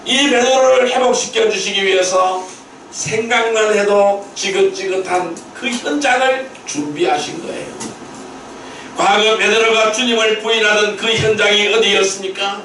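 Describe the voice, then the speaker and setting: A man pastor delivering a Sunday sermon, emphatic, asking rhetorical questions and rising to shouted peaks, recorded in a church sanctuary. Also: high voice, slight background noise. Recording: very echoey hall, mic at a distance.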